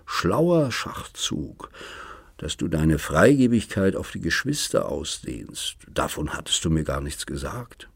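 A man voicing a cynical little devil who whispers warnings in an audiobook, hushed and slow. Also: extremely low pitch, very animated, gravelly, slightly rough, no room sound, clean studio sound, full character voice. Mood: sly. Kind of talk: audiobook reading.

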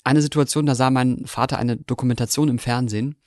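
A man's voice: medium pitch, steady tone, fast, a little mellow, no echo, studio quality. A man with a Baden accent, co-hosting a podcast in casual, playful chat and telling funny stories. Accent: Baden German. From Baden, Germany. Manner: playful, joking storyteller. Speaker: podcast co-host.

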